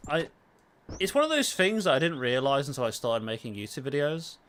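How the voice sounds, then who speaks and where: This game streamer and YouTuber has a mid-range, fairly bright voice and a southern accent. He keeps up relaxed, self-deprecating talk as he plays a game on a livestream.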